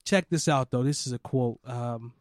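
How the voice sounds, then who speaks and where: A man hosting a podcast in casual chat, a little hoarse from allergies, laid-back and laughing often. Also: mid-range voice, moderate pace, no room sound, clean studio sound. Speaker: podcast host.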